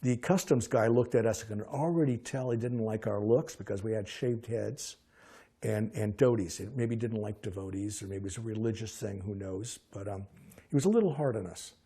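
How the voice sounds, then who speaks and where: An older man recalling personal memories as a lively storyteller, often halting and restarting his sentences. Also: lowish voice, husky. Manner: halting, frequent restarts and fillers.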